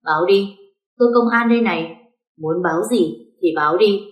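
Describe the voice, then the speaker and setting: A woman's voice: medium pitch, a little fast, lightly acted. A smug male police officer, as a woman narrator puts him on, mocking and smirking, in an echoey room.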